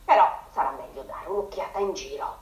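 A woman voicing a boastful, proud male rooster who guards the farm, speaking pompously and crowing loudly. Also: brisk, echoey room, lightly acted. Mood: strutting. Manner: pompous, bragging, then shrill panicked shouting.

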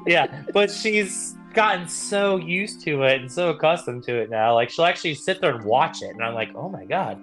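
A man's voice: fairly high pitch, animated, normal speed, hardly any pauses, over music. A young man co-hosting a podcast, chatting casually and telling rambling stories with the odd swear word. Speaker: podcast co-host. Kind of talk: casual chat.

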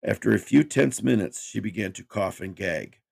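A man narrating a horror story with a measured, grim, dramatic delivery. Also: fairly low pitch, expressive, gravelly, darkish tone, husky.

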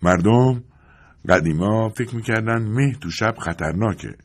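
Man doing a polite wistful neighbor lady, audiobook voice, husky, low-pitched reader. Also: lightly acted. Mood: gentle. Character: lonely older woman neighbor, gentle and polite. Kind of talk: audiobook character voice.

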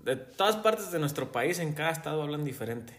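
A man with a Jalisco Mexican accent, chatting casually and telling animated anecdotes, often laughing and acting out the voices of people in his stories. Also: a little high, fairly quick, soft background music. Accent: Mexican Spanish, Jalisco. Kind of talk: casual conversation, storytelling.

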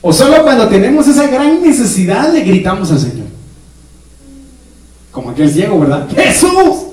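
A male pastor, preaching a sermon in a joking, animated way with laughter and sudden shouts, recorded in a church. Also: high voice, normal speed. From Guatemala. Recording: echoey church hall, mic at a distance.

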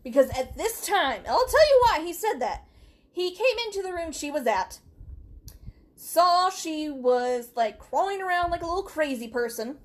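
A woman's voice: very high-pitched, sing-song, moderate pace. A woman co-hosting a casual podcast, telling a true story in a chatty way, laughing and acting out quotes. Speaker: podcast co-host.

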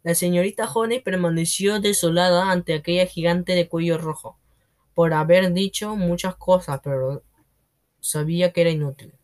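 A man reading a children's story aloud, expressive and voicing every character himself. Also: high-pitched, moderate pace. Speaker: audiobook narrator.

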